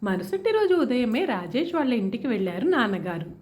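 Woman narrator, high voice, lively intonation, scripted storytelling. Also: a little fast. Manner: steady first-person narration.

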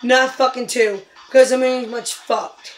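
A woman playing a racing game, commentating with swearing and frustrated yelling. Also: a little high, steady tone, measured pace, soft background music. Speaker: gamer. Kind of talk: gaming commentary.

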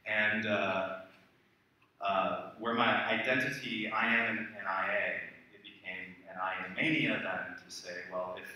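A man gives a chatty, self-deprecating conference talk, his voice very bright and sharp. It echoes heavily around a large hall, picked up from some distance. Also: on the low side, steady tone, unhurried. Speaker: conference speaker.

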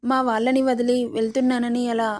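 Young bride, woman narrator doing her, tearful and evasive, short hesitant lines, fairly high, dry. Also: little pitch movement, fairly quick, a little mellow, no echo, natural voice. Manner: brief, hesitant replies.

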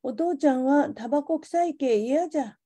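A woman's voice: sits high, moderate pace, warm tone, natural voice. A woman voicing a badly burned young girl who pleads weakly in Hiroshima dialect. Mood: weak plaintive. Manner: weak, plaintive childlike pleading.

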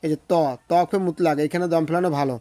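A man teaching recitation step by step, spelling letter by letter with patient explanations and slowly drawing out each recited word in a sing-song way, in a Bangladeshi Bengali accent. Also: fairly high pitch, steady tone, dark tone, no echo. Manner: slow sing-song drawn-out recitation of words.

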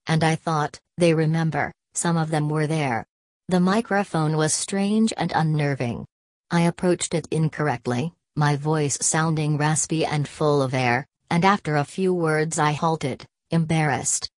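A woman narrating an audiobook in a measured, steady reading. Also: deep voice, dry recording. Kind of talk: scripted narration.

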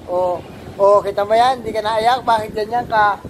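A man's voice: sits high, level tone, moderate pace. A father teasing and coaxing his young daughter in casual home banter, playful and joking. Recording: home video with background noise.

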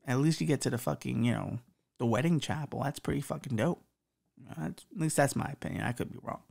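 Here a man in his thirties hosts a podcast, his mid-range voice creaky and darkish and his pace fairly quick. He has a slight lisp and gives relationship advice in a rambling, profane, self-deprecating way.

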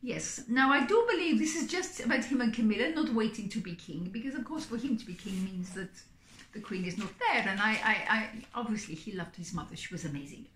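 Seated on a sofa in a small room, a middle-aged psychic entertainer and singer talks theatrically to camera on her vlog. She speaks fairly quickly at a medium pitch, with lively intonation and a slightly bright tone, and the recording has an echoey room sound.

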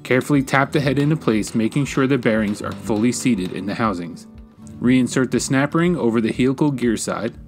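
A man, a woodworking channel host, giving calm, measured step-by-step voice-over instructions. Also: mid-range voice. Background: faint guitar music.

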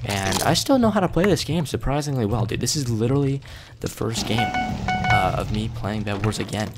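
An eighteen-year-old man quietly commentating a game late at night in his bedroom, calling viewers "boys" and "dude". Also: mid-range voice, animated, fairly quick, loud music behind the voice. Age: 18, young adult. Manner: hushed and casual, calls viewers "boys" and "dude". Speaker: gaming YouTuber. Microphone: desk microphone turned up.

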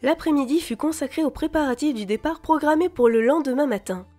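A woman with a high voice reads a fantasy novel aloud, lively and expressive. She puts on voices for the dialogue, with faint music behind her. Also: a little fast. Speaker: audiobook reader.

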